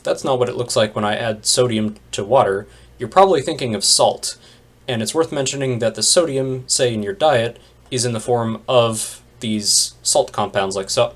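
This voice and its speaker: A man talks through a chemistry lesson as he narrates over slides. He explains in a steady, plain way and drops in dry, wry remarks now and then. His voice sits at an ordinary pitch for a man. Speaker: chemistry instructor.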